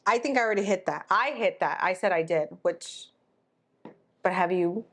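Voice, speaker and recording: A young woman in her twenties co-hosting a relaxed podcast. She talks in a chatty, storytelling way and mixes in the odd Spanish phrase. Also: on the low side, moderate pace. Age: 20s. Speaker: podcast co-host. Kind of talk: casual chat.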